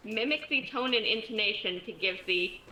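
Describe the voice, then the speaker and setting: A woman's voice: medium pitch, normal speed, pushed and bright, a little hiss or hum, low-quality recording. A woman playing a tabletop role-playing game, switching between casual table talk and speaking for her character.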